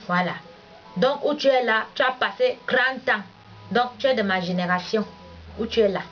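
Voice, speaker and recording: A woman's voice: fairly high pitch, normal speed, faint music behind. A woman, scolding a rival in a heated, repetitive monologue. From Cameroon. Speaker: vlogger. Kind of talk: confrontational monologue addressed to a rival. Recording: dull lo-fi recording with faint hiss.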